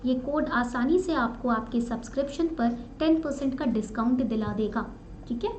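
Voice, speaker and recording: High-voiced woman teaching in an echoey room. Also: moderate pace, darkish tone, slight background noise. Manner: mixes Hindi and English, repeats points in English, frequent checking fillers. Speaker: exam prep teacher. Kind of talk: online exam strategy lesson.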